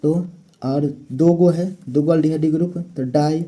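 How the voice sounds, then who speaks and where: Guy w/ explaining chemistry naming step by step, kinda high voice. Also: fairly even intonation, takes it slowly, mellow. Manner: step-by-step explaining, asks and answers his own questions. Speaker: chemistry teacher. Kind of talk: classroom lecture.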